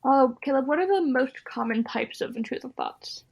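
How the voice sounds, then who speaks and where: A woman co-hosting a podcast, talking in an easy conversational way. Her voice sits a little high for a woman. She reads prepared points loosely, with ums and uhs along the way. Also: animated, normal speed, vocal fry, darkish tone, husky. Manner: conversational, reads scripted parts with fillers. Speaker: podcast co-host. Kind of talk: casual podcast chat.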